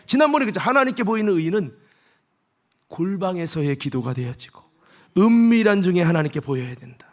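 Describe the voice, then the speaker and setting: A man preaching a Sunday sermon as a church pastor, swinging between shouted exclamations and hushed whispers. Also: high-pitched, expressive, brisk. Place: church sanctuary.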